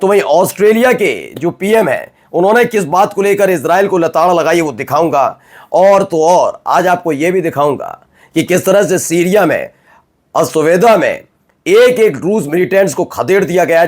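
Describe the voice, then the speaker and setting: A man's voice: fairly high pitch, lively intonation, normal speed. A man presenting the news in a conversational, emphatic way, asking rhetorical questions of his viewers. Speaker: news anchor.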